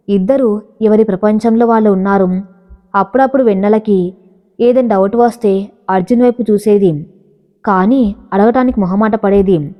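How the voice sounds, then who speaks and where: A woman reading a dramatic romance story aloud in a steady storytelling manner. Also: mid-range voice. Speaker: narrator. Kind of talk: scripted story narration. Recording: reverberant, slightly dull audio.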